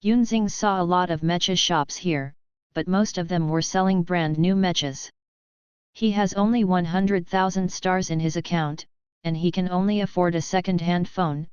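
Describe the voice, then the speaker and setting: A woman narrating an audiobook novel in an even, steady reading. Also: fairly low pitch, normal speed, clean tone, no room sound, highs cut off. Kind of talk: scripted narration.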